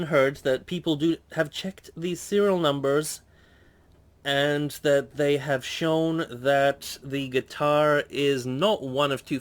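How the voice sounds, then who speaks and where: A man in casual unboxing chatter, rambling with lots of restarts and musing aloud, recorded indoors at home. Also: medium pitch. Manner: rambling and chatty, with frequent restarts and self-corrections. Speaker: vlogger unboxing a guitar.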